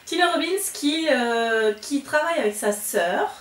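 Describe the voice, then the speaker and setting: A woman's voice: high-pitched, animated, measured pace, a bit bright. A woman chatting casually through her monthly book wrap-up video, with lots of fillers and restarts. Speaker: book vlogger. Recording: echoey room, voice a bit far from the mic.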